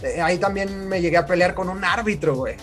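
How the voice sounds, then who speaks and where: A young man with a Mexican accent and a notably high voice tells stories in relaxed, slangy chat. He laughs easily and bursts into loud quoted lines. Faint music sits behind him. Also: fast talker. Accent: Mexican Spanish. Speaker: podcast co-host. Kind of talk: casual storytelling chat.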